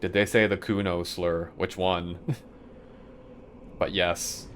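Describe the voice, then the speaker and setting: A man's voice: low-pitched, flat delivery, slow, fairly bright tone, a little hiss or hum. A young man streaming a video game, chatting casually in a rambling, profane way and chuckling often. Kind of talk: casual chat while playing a game live.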